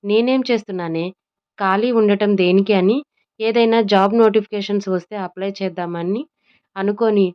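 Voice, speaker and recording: ఒక మహిళ ప్రశాంతంగా, ప్రేమగా మాట్లాడే అక్క లాంటి యువతి పాత్రను చేస్తోంది. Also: female voice, mid-range voice, moderate pace, clean tone, highs cut off, close to an everyday voice. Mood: gentle. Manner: calm, affectionate. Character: calm gentle young woman, kind big sister.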